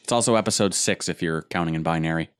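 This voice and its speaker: A man's voice: low voice, fast, smooth. A man co-hosting a casual gaming podcast, joking and playful as he chats. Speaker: podcast co-host. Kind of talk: casual chat.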